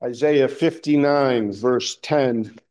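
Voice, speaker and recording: A male pastor preaching a sermon with a scratchy voice, clearing his throat often and speaking in a slow, deliberate way. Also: mid-range voice, a little mellow.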